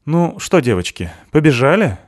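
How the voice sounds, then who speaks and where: A man's voice: fairly high pitch, big pitch swings, moderate pace, a little mellow, no echo, clean studio sound, pitched above the performer's own voice. A man voicing a tense, secretive young woman with terse, grim replies. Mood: terse urgency.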